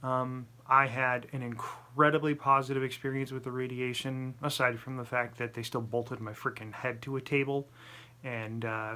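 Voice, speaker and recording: A man's voice: mid-range voice, pushed and bright. Lisping man in a casual personal vlog. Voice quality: lisp. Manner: apologetic, self-deprecating. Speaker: vlogger.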